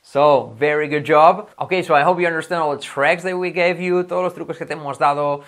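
A man from teaching English pronunciation in a video lesson, slowly repeating and drilling short phrases. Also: a little high, fairly bright tone. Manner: switches between Spanish and English.

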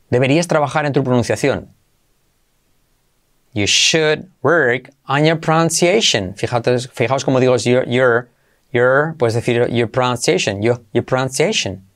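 A man teaching English to Spanish speakers, saying phrases slowly and repeating them while he explains pronunciation. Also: a little high, a bit bright. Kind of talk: bilingual language lesson.

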